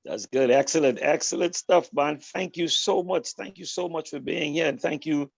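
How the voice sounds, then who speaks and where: A man's voice: fairly high pitch, creaky, breathy edge, no room sound. A man welcoming guests to a club meeting over a video call, repeating his phrases and drawing them out. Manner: repetitive, drawn-out phrases. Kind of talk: warm welcome speech with a told joke. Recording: dull, muffled call audio.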